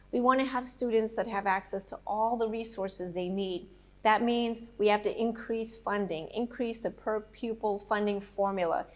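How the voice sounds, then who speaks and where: Middle-aged woman from colombia running for office, earnest and steady, talks through her policy plans. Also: medium pitch. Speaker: political candidate. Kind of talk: candidate answering interview questions.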